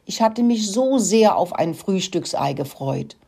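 A woman voicing a grown male farmer who calls out loudly and complains. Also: mid-range voice, lively intonation, unhurried, vocal fry, slightly rough, full character voice. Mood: complaining.

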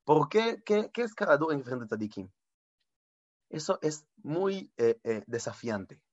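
A man giving an informal spiritual talk as a rabbi, lively and animated, often correcting himself and mixing in Hebrew words. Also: fairly high pitch, a little slow, dry recording, muffled recording.

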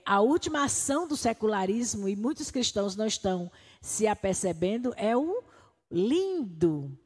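A woman's voice: medium pitch, darkish tone. A Brazilian-accented woman in her fifties, a congregant raising an earnest question in a Bible class, with many fillers. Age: 50s. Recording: echoey church hall.

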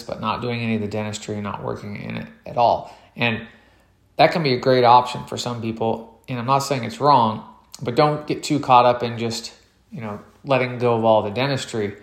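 A man hosting a podcast in a relaxed, rambling way, his voice nasal while he recovers from nasal surgery. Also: medium pitch, normal speed, echoey room. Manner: relaxed, rambling, many fillers. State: recovering from nasal surgery, talks a little funny. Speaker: podcast host. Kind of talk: casual solo podcast talk.

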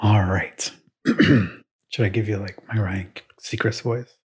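A man's voice: on the low side, fairly even intonation, slow, husky. A young man co-hosting a casual podcast, bantering and running a playful trivia quiz. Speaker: podcast co-host. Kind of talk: casual chat.

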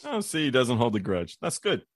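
A man's voice: medium pitch, big pitch swings, brisk, no echo. Host guy with a bouncy up and down voice, teasing and laughing, dry close mic. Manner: teasing, laughs often, swears. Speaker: podcast host. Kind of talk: casual interview chat.

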